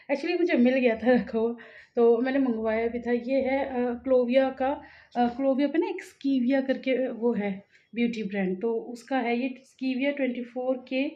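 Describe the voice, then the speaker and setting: Young mother vlogging at home, talkative and rambly, slightly high voice, filmed on a muffled phone mic. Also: mellow. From Uttar Pradesh, India. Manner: chatty, rambling, talks straight to viewers. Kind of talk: casual home vlog chat. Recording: dull lo-fi phone audio with faint household noise.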